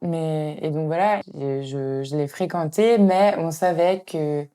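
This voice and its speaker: A Swiss woman in her twenties, chatting casually and reflectively, often hesitating and trailing off softly. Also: low voice, slow, clear, resonant tone. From Switzerland. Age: 20s. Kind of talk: casual conversation.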